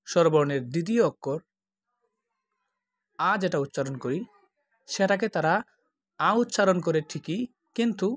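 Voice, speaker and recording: In this dry, close-miked tutorial with no room sound, a male language teacher speaks in a high, slightly raised voice. He walks learners through the alphabet patiently, stretching every vowel so they can follow along.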